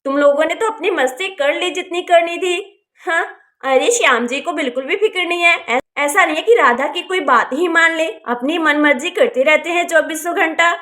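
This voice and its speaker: A woman's voice: very high-pitched, moderate pace, fairly bright tone. A woman voicing a fussy, worried village housewife who scolds yet cares for everyone. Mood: grumbling. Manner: fussy, complaining.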